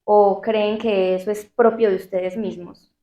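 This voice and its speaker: A woman's voice: mid-range voice, steady tone, unhurried, dark tone, echoey room, dull audio. A woman hosting, who asks the guests short questions in a casual tone. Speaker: host. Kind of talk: interview questions.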